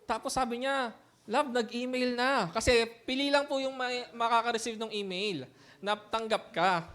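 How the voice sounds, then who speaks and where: A man's voice: very high-pitched, fairly even intonation, normal speed, fairly bright tone, clean tone. A man, a pastor, telling a personal story in a sermon, mixing in English words and often laughing as he talks. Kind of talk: sermon testimony.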